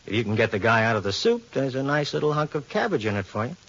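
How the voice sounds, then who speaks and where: An easygoing American police inspector from old-time radio. He banters dryly in a husky, mid-pitched voice. The recording sounds muffled and aged. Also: sing-song, fast, fairly bright tone. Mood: casual, explaining. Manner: casual, dry, teasing. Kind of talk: 1940s radio detective drama acting. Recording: dull vintage radio recording.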